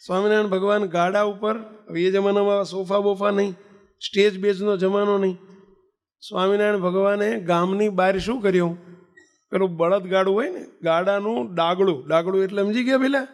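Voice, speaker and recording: A man. He tells homely stories in a lively way, acting out the voices in them and chuckling along. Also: sits high, normal speed, pauses often. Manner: folksy, animated storyteller who acts out dialogue and laughs. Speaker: swami giving a discourse. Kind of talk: sermon with storytelling.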